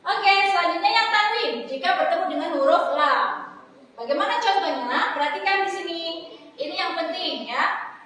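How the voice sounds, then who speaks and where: A woman teaching Quran recitation rules, chanting Arabic examples slowly and then correcting wrong readings in plain speech. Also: very high-pitched, lively intonation, pushed and bright. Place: foundation office classroom. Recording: echoey hall, far from mic.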